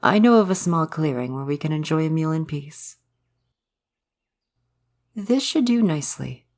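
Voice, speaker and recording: Warm and polite, a male forest spirit voiced by a man in a slightly high, expressive register speaks at a measured pace. The soft romantic ASMR drama casts him as gentle and curious about people, and his speech is formal, courteous, and old-fashioned, befitting a courtly creature of the woods.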